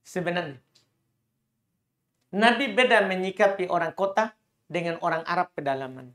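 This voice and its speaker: A man's voice: high voice, moderate pace, a bit bright. A middle-aged male Islamic preacher, giving a religious lecture and answering questions. He repeats key phrases and his voice climbs sharply when he stresses a point.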